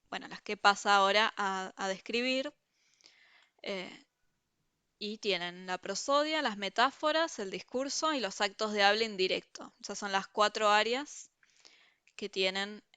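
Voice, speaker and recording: A woman's voice: medium pitch, sharp tone, clean tone, no echo. A woman teaching a university review class over a video call, explaining step by step and often checking that students follow. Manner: explanatory, checks understanding with frequent "¿sí?".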